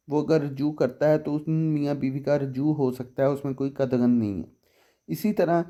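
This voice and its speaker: A man gives a law lesson in a slow, deliberate way. His voice sits a little high and sounds mellow. He reads each statute clause carefully, then explains it and asks the listener what it means. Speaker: legal explainer.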